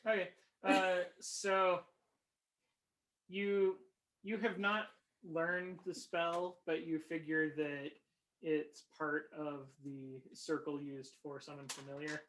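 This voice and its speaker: A game master narrating a tabletop game, pausing often with ums and small laughs. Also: medium pitch, little pitch movement, fairly bright tone, poor audio. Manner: slow, halting, many ums and laughs.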